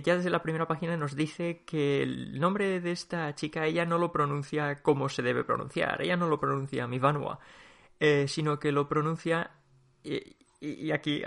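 A man with a Spain Spanish accent reviews a book in a lively, nitpicking way, circling back over his points. His voice sits a little high, with a gravelly fry running through it. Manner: animated and fussy, with many restarts and repetitions. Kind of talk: casual spoken book review.

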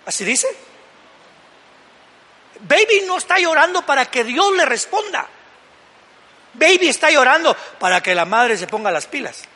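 Older guy pastor preaching, high bright voice, long church echo, acts out the people he quotes. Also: sing-song, unhurried, pauses often. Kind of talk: sermon.

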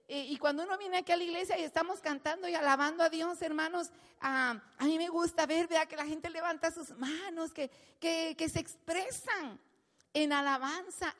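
A woman preaching a sermon in a church, animated, acting out quotes and calling the congregation "hermanos". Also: sits high, moderate pace. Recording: long hall reverb.

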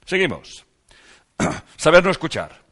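A man's voice: fairly high pitch, big pitch swings, slow, fairly bright tone. A man giving a reflective self-help talk, reading passages aloud and asking rhetorical questions with repeated phrases for emphasis.

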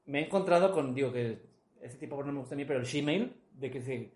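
A young man with a Mexican accent, co-hosting a casual chat in a playful, laughing way. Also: fast. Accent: Mexican Spanish. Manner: playful, laughs often, acts out his own past lines in a high camp voice. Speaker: podcast co-host. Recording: echoey room.

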